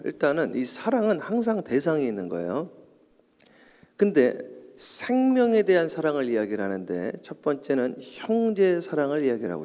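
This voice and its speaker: A middle-aged man preaching an early-morning sermon in a church, telling stories and building to emphatic points. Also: fairly high pitch. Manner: storytelling, rising to loud emphatic preaching. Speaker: pastor. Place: church sanctuary. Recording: echoey church hall.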